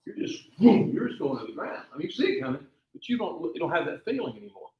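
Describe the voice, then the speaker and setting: A man's voice: fairly high pitch, very animated, fast. A man teaching a taekwondo class, giving a repetitive, emphatic motivational talk full of rambling stories. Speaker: taekwondo instructor. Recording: echoey, dull lo-fi room sound.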